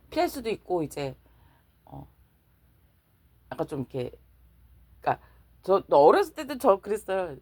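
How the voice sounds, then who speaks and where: A woman's voice: on the low side, darkish tone, no echo. A woman, a church deaconess, chatting through her personal faith testimony, laughing often and acting out her own prayers.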